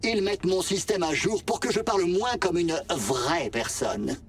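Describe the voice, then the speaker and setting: A sentient vending machine in a video game, wry and gentle. The delivery is unhurried and theatrically expressive, with big swings in pitch. It sounds slightly distant and polite. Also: male voice, slightly rough, full character voice. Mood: wry, candid. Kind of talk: video game acting in French.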